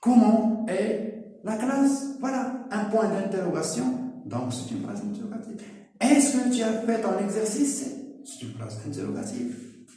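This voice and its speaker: A man teaching a classroom grammar lesson, explaining slowly and often checking with his pupils. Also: high voice, sing-song, warm tone. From Morocco. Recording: echoey room, voice heard from far off.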